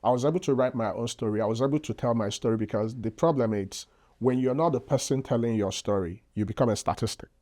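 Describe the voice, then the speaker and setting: A mellow, medium-pitched male voice moves at a quick pace. He's from Nigeria, has a Nigerian accent, and is a physician guesting on a podcast, explaining earnestly with frequent fillers in casual interview talk.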